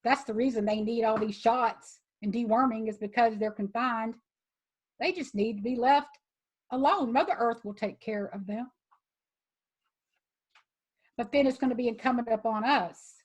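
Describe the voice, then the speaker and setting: A woman's voice: on the high side, moderate pace, long pauses, low-quality recording. A woman guest speaker closing a heartfelt talk in an earnest, impassioned way.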